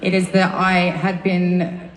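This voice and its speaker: On the low side and completely flat, this woman's voice moves slowly with faint music behind. An English singer from London, she chats rambling to her audience in a large venue, swearing and laughing at herself, recorded distantly in an echoey arena with the crowd.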